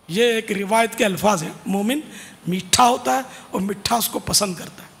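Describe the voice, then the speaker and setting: A man's voice: high-pitched, vocal fry, fairly bright tone, in a large hall. A man preaching an informal sermon to devotional singers, urging them earnestly and dropping casual asides. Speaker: religious preacher.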